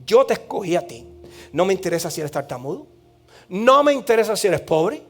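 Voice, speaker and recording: A man voicing the Lord as a calm, firm presence who reassures a fearful servant. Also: high voice, fairly quick, soft background music. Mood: reassuring.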